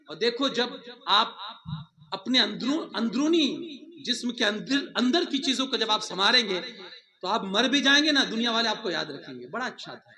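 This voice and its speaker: A man from India giving a lively sermon to students, mixing laughing asides with raised, emphatic lines. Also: very high voice. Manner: animated preaching with laughing asides, raising his voice for emphasis. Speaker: religious teacher.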